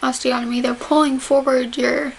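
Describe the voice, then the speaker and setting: A young woman chats to camera in a home recording with faint background noise. Her voice is high but stays flat in melody. She articulates carefully with limited jaw movement. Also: moderate pace, creaky. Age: young adult. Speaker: vlogger describing surgery recovery. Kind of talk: casual talk to camera. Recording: noisy home camera audio.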